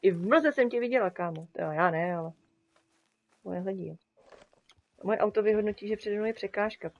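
A woman's voice: medium pitch, highs cut off. A woman streaming a game live, chatting casually with her viewers and talking to the animals on screen. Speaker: streamer and graphic designer.

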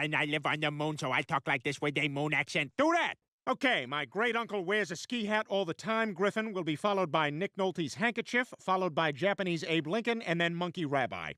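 An actor playing a loud, goofy middle-aged cartoon family dad who blusters and stammers. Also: male voice, high-pitched, animated, brisk, few pauses, no room sound, studio quality. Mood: exasperated. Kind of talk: animated sitcom dialogue.

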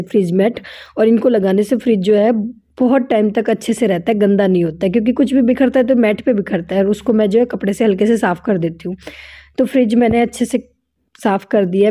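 A woman's voice: mid-range voice, mellow. A middle-aged woman from India, narrating a casual home vlog in a chatty storytelling way and repeating phrases for emphasis. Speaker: vlogger.

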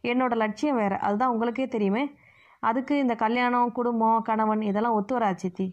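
A woman's voice: a little high, steady tone, a little fast, lightly acted. Woman voicing an earnest young daughter. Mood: pleading. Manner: earnest, pleading. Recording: muffled lo-fi recording.

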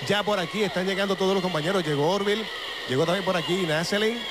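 A man with a Puerto Rican accent doing excited, showy play-by-play as a wrestling commentator. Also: sits high, fast. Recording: noisy arena broadcast. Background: arena ambience.

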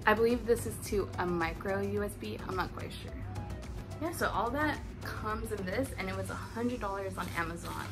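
Young woman vlogging at home, upbeat, thinking out loud, mid pitch, music playing behind. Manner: chatty and upbeat, thinking aloud while unboxing. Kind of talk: casual product haul vlog. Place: living room at home, indoors. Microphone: camera in front at table distance.

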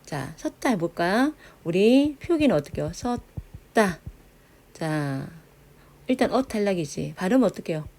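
A woman teaching a middle school grammar lesson, often checking in with her students and sounding out example words slowly. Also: lowish voice, very animated, gravelly, dark tone. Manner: checks understanding with frequent tag questions.

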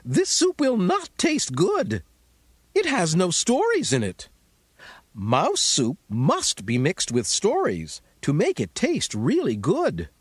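A man voicing a small, quick-witted male mouse in a storybook read-aloud, with a squeaky, pleading voice. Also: wildly swooping pitch, husky, dry recording, heavily acted.

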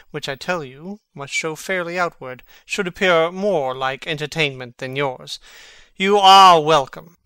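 This man performs a young prince in a Shakespeare play, putting on madness with a sly, sarcastic bite and playful theatricality. The voice is highish and very bright, and the tone stays clean. A close, dry recording captures it.

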